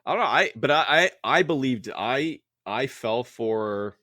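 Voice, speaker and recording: A man co-hosting a book podcast talks casually in a medium-pitched, sharp-toned voice with lively intonation and a measured pace. He's opinionated and keeps circling back over his own phrases. The recording is dry and of studio quality.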